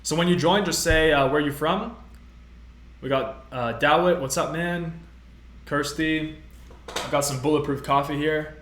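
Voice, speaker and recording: A man's voice: a little high, unhurried, long pauses, a bit bright. A man in his twenties hosting a casual live-stream tutorial, upbeat and chatty, with many fillers as he reads out viewer comments. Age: 20s. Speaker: host. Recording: roomy echo.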